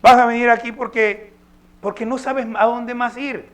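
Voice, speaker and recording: A man's voice: extremely high pitch, fairly even intonation, normal speed, a bit bright. A male pastor preaching a sermon, emphatic and posing rhetorical questions to his congregation.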